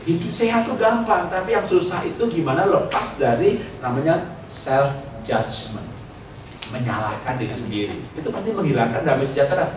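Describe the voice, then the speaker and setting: A man's voice: fairly high pitch, animated, moderate pace. A man preaching a sermon at a church retreat, humorous and teasing, laughing often with the congregation. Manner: acts out people's prayers in mocking voices. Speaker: pastor. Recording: echoey hall, mic at a distance, background noise.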